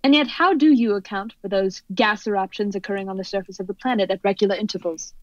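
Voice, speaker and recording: A woman playing a poised radio news commentator in an old-time radio drama, speaking in a formal, measured announcer style. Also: medium pitch, no room sound, natural voice. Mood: formal, composed. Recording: dull lo-fi audio.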